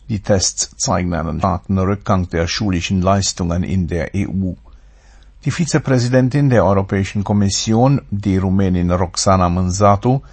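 Gravelly, low-voiced male newsreader. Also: a little mellow. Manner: formal, factual delivery. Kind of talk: scripted radio news bulletin.

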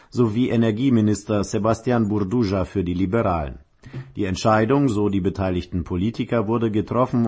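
Man, radio host and newsreader, low pitch, husky tone, scripted news delivery. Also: a little mellow.

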